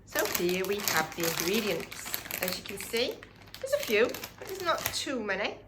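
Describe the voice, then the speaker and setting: A woman's voice: medium pitch, sing-song, normal speed. A woman hosting a casual home cooking demonstration with dry humour. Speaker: cooking show host. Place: home kitchen. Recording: home kitchen with clear background noise.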